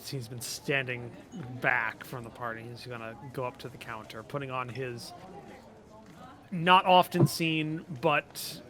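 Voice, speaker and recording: A man's voice: medium pitch, a crowd in the background. A man playing a tabletop game, joking and laughing often as he narrates his character. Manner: giggly, quick to laugh. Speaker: player.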